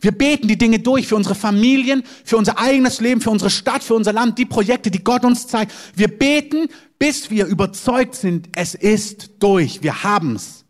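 A man's voice: high voice, normal speed. A man preaching a sermon as pastor, emphatic and repeating amens.

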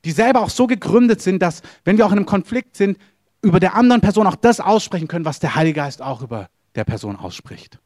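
A man's voice: lively intonation, fast, dry recording, studio quality. A man preaching a sermon in German, earnest and direct, questioning his listeners and building to raised emphatic runs. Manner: swings between soft lows and raised emphatic runs. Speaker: pastor.

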